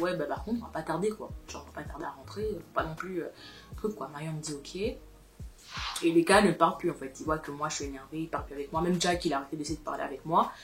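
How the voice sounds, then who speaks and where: A young woman vlogger telling a personal story to her viewers in a casual, emphatic way, often repeating herself for effect. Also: sits low.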